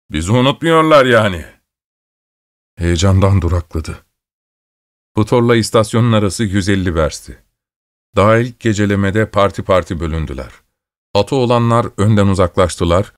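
A man reading a novel aloud in steady, measured audiobook narration. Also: on the low side, no room sound, studio quality.

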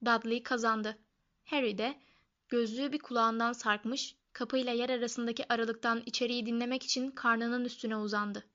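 A woman giving expressive scripted audiobook narration. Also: a little high, moderate pace, muffled recording.

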